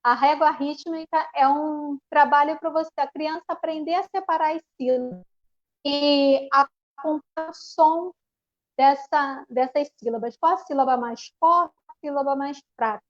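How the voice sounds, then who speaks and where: Over a video call from home, a woman teacher with a Brazilian Portuguese accent presents on an online panel, explaining a classroom activity with frequent restarts and fillers. Her voice is high, and the upper frequencies are cut off.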